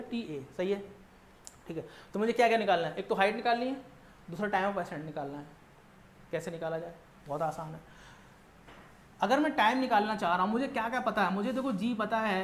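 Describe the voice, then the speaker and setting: Male physics teacher, patient lecturing, repeats every step and answers his own questions; roomy echo, faint hiss behind. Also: sits high. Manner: asks questions and answers them himself; tags nearly every line with "ठीक है ना". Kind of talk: classroom lecture mixing Hindi and English. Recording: echoey room with faint background noise.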